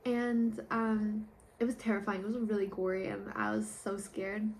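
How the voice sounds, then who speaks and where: A young woman in a casual confessional vlog, rambling candidly and sometimes dropping to a soft whisper. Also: medium pitch, little pitch movement, moderate pace, a little hiss or hum. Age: young adult. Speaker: vlogger.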